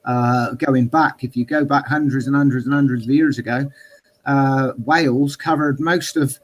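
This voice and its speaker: A man's voice: medium pitch, steady tone, normal speed. A man speaking emphatically and earnestly in a political discussion.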